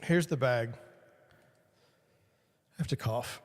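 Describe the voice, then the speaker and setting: A podcast host speaks slowly in a mid-range voice against a noisy background in an echoey room. Self-deprecating and rambling, he talks to viewers while fixing gear on a livestream, with his studio mic's levels changing.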